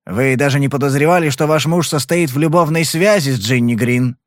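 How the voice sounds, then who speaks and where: A cool, persistent private detective who presses every question calmly and bluntly, read by a man. His voice is of middling pitch and sounds close and dry. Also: fairly quick, dry recording, natural voice. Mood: probing. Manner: calm, probing, blunt.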